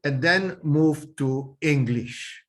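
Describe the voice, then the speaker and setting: A man's voice: on the high side, drawn-out words. A man chairing an online session, chatting hesitantly over a video call with many restarts. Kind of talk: casual video-call chat before a session.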